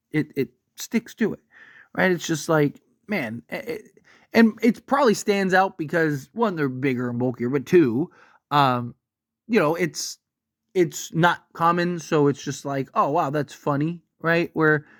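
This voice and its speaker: A film fan with a mid-pitched voice talks through opinions casually. The delivery rambles and circles back emphatically, with frequent little tag questions seeking agreement. The recording is close and dry. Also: no room sound. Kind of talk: casual opinion commentary on a horror film franchise.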